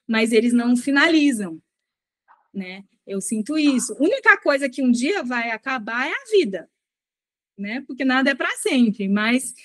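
A woman in her thirties chatting on a video call as an interview guest, relaxed and reflective, often ending lines with a quick tag question. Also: high-pitched, no echo. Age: 30s. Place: small bedroom indoors. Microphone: laptop webcam on video call.

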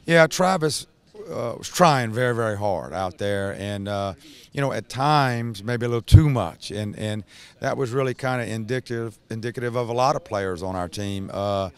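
Smooth-voiced older coach, halting speech. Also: male voice, lowish voice. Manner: halting, many restarts and fillers. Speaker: basketball head coach. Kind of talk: post-game interview. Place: empty indoor basketball arena. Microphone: handheld reporter mic.

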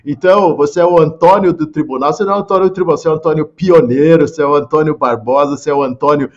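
A man's voice: fairly high pitch, rapid-fire, highs cut off. A man hosting a live-stream interview, asking questions in a chatty, encouraging and teasing way. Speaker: host, exam-prep teacher.

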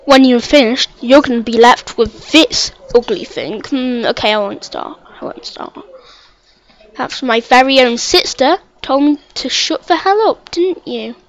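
Woman narrating her let's play, high voice, stumbles and repeats herself, dull lo-fi mic w/ faint hiss. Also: measured pace, hardly any pauses. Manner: stammering, repeats words, chats to the game. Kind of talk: casual gameplay narration.

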